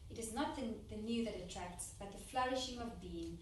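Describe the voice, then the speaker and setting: A woman interpreting a formal speech, rendering it phrase by phrase in a steady, plain way with small restarts. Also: medium pitch, normal speed. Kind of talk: consecutive interpretation into English. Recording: echoey hall, distant mic, faint noise.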